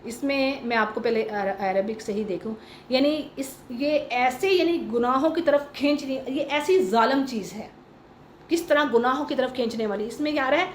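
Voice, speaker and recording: High-voiced woman teaching Quran commentary. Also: reverberant, slight background noise. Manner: explains patiently, mixing in English terms and reciting Arabic verses; asks the class questions and waits for answers.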